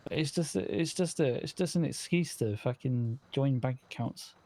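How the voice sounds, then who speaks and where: Man, mid-range pitch, deadpan and blunt, casual game voice chat. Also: normal speed. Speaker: role-play player.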